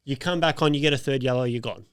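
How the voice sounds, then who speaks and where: An Australian man co-hosting a football podcast in a studio, animated and swearing freely. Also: mid-range voice, quick pace, smooth, no room sound. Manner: animated, swearing, restarts sentences. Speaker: podcast co-host. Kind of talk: casual football chat.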